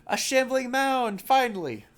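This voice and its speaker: A man's voice: extremely high pitch, animated, a little slow. A man playing a tabletop game, trading casual, silly banter full of wordplay.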